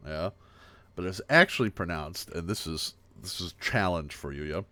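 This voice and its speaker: An American man giving a casual livestream language lesson, repeating each example word slowly and chatting between them. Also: sits low, expressive, pushed and bright, no room sound. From United States. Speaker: streamer teaching a language. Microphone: streaming mic.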